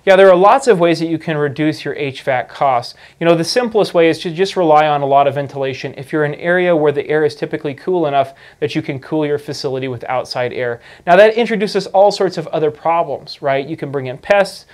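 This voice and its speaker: A man's voice: fairly high pitch, a little fast, few pauses. A man in his thirties explaining a farming topic to camera in a studio, talking conversationally with frequent fillers and restarts on a lapel mic. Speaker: indoor farming educator.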